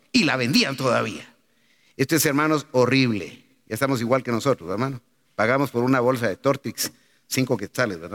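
A man's voice: fairly high pitch, a bit bright. A man preaching a sermon, calling out emphatically and asking rhetorical questions. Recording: long hall reverb.

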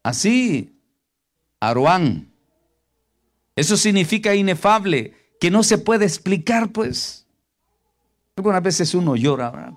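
A male preacher with a voice pitched a little high delivers a sermon to his congregation. He pushes questions at them for answers and moves between loud, emphatic lines and soft, hushed ones.

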